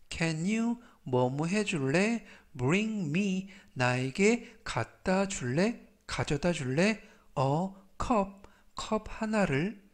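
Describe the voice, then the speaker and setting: Male vocab tutor, slightly high voice, slow measured delivery, repeats each word. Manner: slow, deliberate word-by-word explanation with repeated pronunciations. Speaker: English vocabulary teacher. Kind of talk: scripted vocabulary lesson.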